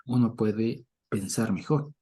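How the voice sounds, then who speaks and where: A middle-aged man leads a casual Bible teaching, chatting and chuckling a lot as he checks in with his listeners. He swings from loud mock preaching to soft murmurs, and his fairly low, slightly rough voice moves at a slow pace.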